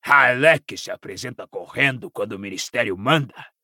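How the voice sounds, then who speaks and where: A gravelly, tense old bully snarls and sneers through each slow, drawn-out line, as a male audiobook reader puts him on. His voice sounds sharp and strained, close and dry in a small booth. This is storybook villainy, spat out with contempt. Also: mid-range voice, no echo. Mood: contemptuous. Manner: snarling, mocking, slow and menacing. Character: coarse, hostile old pure-blood father.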